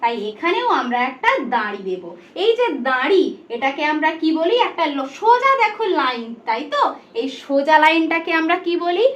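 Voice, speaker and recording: A woman teaches a demo lesson to imagined pupils. Her voice sits high and swings widely in pitch. She asks questions, answers them herself and slips English words into her teaching. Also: very animated, normal speed. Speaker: teacher giving a demo class.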